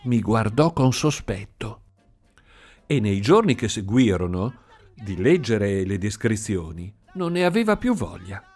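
A man reading a story aloud in an expressive, sing-song storytelling manner. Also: fairly low pitch, a little slow. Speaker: narrator. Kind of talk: audiobook reading. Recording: faint music behind.

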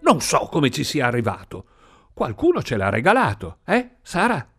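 A man's voice: mid-range voice, huge pitch swings, normal speed, a bit bright, slightly rough, soft background music, voice pushed up, heavily acted. A man voicing an easygoing, offhand mother who hesitates as she speaks in a read-aloud story. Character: easygoing mother of two, vague and chatty.

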